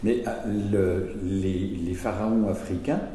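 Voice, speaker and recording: A male interviewer who listens attentively, with soft murmurs of agreement, then shares his thoughts calmly. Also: sits low, slow, a little hiss or hum. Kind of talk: conversational interview. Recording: echoey hall with long reverb.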